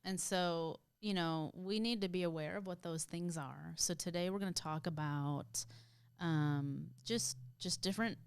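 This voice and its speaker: A woman clinician co-hosting a parenting podcast, giving advice in an emphatic, lively way. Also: fairly low pitch, a little slow, clear, resonant tone, no echo. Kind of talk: casual conversational podcast chat.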